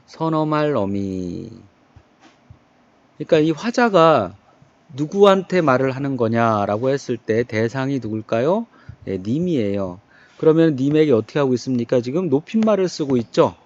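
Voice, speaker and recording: A man's voice: mid-range voice, darkish tone. A man teaching a poetry lesson. He poses rhetorical questions, answers them himself and slips into casual banter. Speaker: literature teacher. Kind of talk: online lecture on poetry. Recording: dull, dry lo-fi recording.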